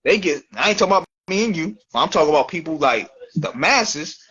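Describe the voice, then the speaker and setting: A man's voice: fairly high pitch, expressive, fairly quick, sharp tone, slightly rough, lo-fi sound. A man hosting a casual talk show, with loose, slangy talk that keeps repeating and restarting. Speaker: show host. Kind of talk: casual chat.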